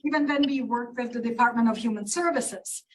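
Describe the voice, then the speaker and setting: Woman speaking from afar, slightly high. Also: a little fast. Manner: hesitant, many fillers. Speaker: project researcher presenting. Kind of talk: event presentation speech. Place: event room. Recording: distant mic with faint room noise.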